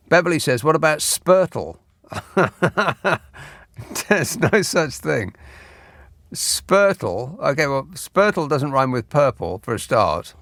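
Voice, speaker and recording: This late-night radio phone-in host, a man with a slightly high voice, reads listener texts aloud. His sarcasm comes dry and deadpan, close on a bone-dry studio mic with no room sound at all.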